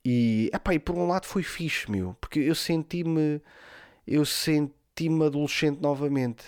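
A man's voice: on the high side, measured pace, darkish tone, smooth, no echo, clean studio sound. A young man with a European Portuguese accent who tells comic stories in a rambling, slangy way and laughs often. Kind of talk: comic storytelling monologue.

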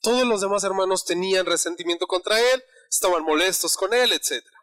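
A man's voice: high-pitched, fairly quick, fairly bright tone. A man preaching a sermon, telling a personal story in a conversational way and asking the congregation questions.

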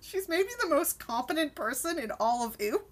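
High-pitched and moderately paced, with slight background noise, this podcast co-host reviews a cartoon episode with lively enthusiasm. She chats casually and steers where the talk goes.

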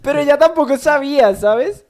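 A woman's voice: high voice, expressive, normal speed, darkish tone. A woman co-hosting a podcast, chatting casually and giving dating advice. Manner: chatty, laughs easily, gives advice. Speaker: podcast co-host. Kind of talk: casual chat.

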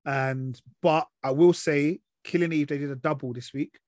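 A man with a London roadman accent hosts a casual TV review chat. His voice sits a little high for a man and his talk is full of street slang. The sound is very dry, with no room on it. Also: steady tone, normal speed, darkish tone, no room sound. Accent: London, urban street slang. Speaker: podcast host.

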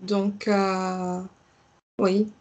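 A woman's voice: medium pitch, little pitch movement, extremely slow, highs cut off. Thoughtful woman language teacher. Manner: thoughtful, gently corrects. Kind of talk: conversational interview.

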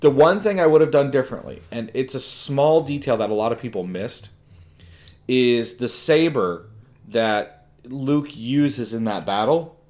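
A man co-hosting a casual film review podcast, talking in a relaxed, agreeable way. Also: medium pitch, measured pace. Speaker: podcast co-host.

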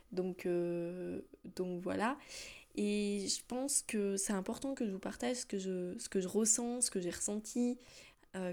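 A young Frenchwoman hosts her own podcast, thinking out loud on her own with lots of fillers and restarts. Her voice is mellow and sits at a medium pitch.

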